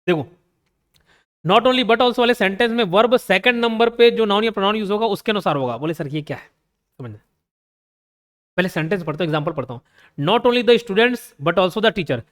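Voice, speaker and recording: A man's voice: sits high, fairly quick, pauses often, fairly bright tone, long reverb tail. A man with a Chhattisgarh Hindi accent teaching a grammar class, explaining step by step and asking and answering his own questions. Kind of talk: grammar lesson.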